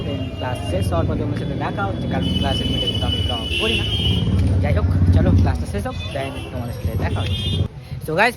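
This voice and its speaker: A young man chatting casually to his viewers in a daily vlog, talking quickly and calling them guys. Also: high voice, noisy background. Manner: rapid chatty talk, addresses viewers as guys. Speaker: daily vlogger.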